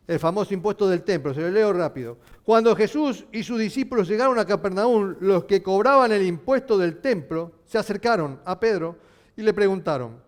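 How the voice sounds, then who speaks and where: Male pastor, high and animated, preaching a questioning sermon. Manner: animated, asking the congregation questions.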